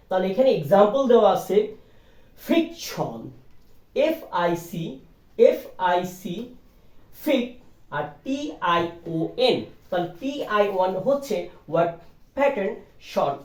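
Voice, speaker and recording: A man's voice: sits high, darkish tone, recorded from a distance. A man teaching English reading, spelling words out letter by letter, mixing Bengali with English phrases, and often checking with "right?". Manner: mixes Bengali with English phrases, coughs now and then. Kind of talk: spoken language lesson. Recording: roomy, from off the mic.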